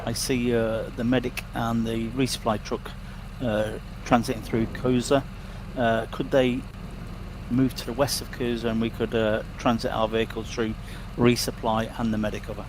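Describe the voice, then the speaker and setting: A man playing a tank simulation, giving military radio reports in clipped procedural phrases with hesitant pauses. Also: mid-range voice, little pitch movement, noisy background. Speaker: player in a tactical radio game.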